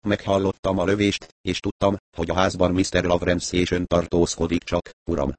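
A meek, sly servant, voiced by a male reader, deferential and polite in every word. The voice is deep and dry, recorded close. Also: monotone, no echo, natural voice. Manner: humble, deferential.

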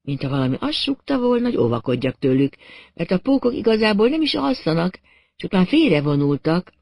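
Man, audiobook narrator, wry delivery, fairly high voice, dry close sound. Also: vocal fry, dry recording. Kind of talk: scripted narration.

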